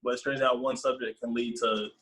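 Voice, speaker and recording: A young man talking casually as a podcast guest, relaxed and rambling with lots of filler words. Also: mid-range voice, fast talker, rough recording. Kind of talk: casual chat.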